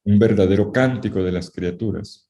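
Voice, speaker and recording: Low-voiced man giving an emphatic Bible lecture. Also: normal speed, dark tone, roomy sound. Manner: emphatic, repeats key phrases; addresses students directly.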